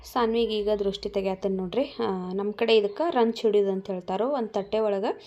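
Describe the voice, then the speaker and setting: A woman's voice: medium pitch, fairly quick, warm tone, lo-fi sound. A young woman, chatting casually to viewers in a home vlog and showing them her housework. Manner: chatty, keeps saying "look" to viewers. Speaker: vlogger and mother.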